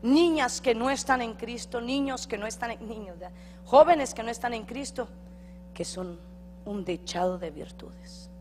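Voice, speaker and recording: A middle-aged Honduran woman pastor preaching a sermon in a church hall, acting out quoted voices and building to loud, emphatic peaks. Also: a little high, moderate pace. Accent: Honduran Spanish. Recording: long hall reverb, faint hum.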